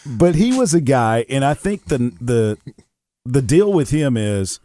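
Mellow-voiced man asking questions. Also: medium pitch, sing-song, unhurried, no room sound, studio quality. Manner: brief prompts and questions. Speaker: host. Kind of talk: interview questions.

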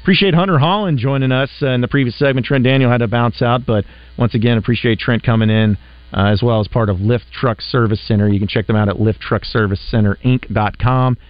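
A man's voice: mid-range voice, fairly quick, no room sound. A man hosting sports talk radio in a casual way, full of fillers. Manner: casual, filler-heavy talk with many "you know" and "uh". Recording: dry, slightly dull studio sound.

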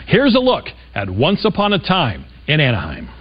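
A man's voice: a little high, huge pitch swings, normal speed, muffled recording, background noise. A man presenting a scripted segment as the host of a TV sports show.

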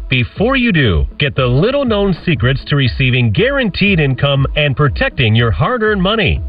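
Animated infomercial pitchman, higher male voice. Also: distant mic, dull audio. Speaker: infomercial announcer. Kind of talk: infomercial sales pitch, scripted.

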